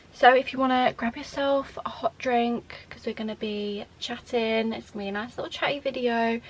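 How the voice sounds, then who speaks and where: A woman's voice: on the high side, steady tone, normal speed, poor audio. A young woman chatting at home in a rambling, bubbly Q&A vlog, laughing often and a little out of breath. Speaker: vlogger. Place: at home, indoors.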